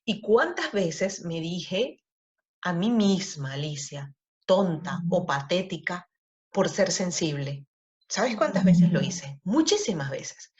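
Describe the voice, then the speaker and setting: Expressive Latin American woman host. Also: fairly low pitch, slow. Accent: Latin American Spanish. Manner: expressive, emphatic, lingers on words. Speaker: podcast host. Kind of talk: conversational interview. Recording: slightly dull lo-fi audio.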